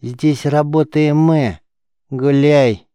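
A man's voice: on the high side, steady tone, drawn-out words, dark tone, clean tone, no echo, voice pushed up. A man voicing a cheeky small street boy who mocks and squabbles in slang, in an audiobook. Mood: mocking.

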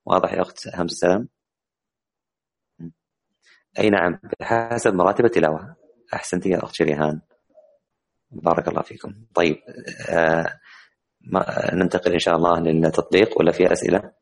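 A man teaching the rules of Quran recitation in an online class, explaining with many hesitant, drawn-out fillers. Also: sits low, fairly even intonation, vocal fry.

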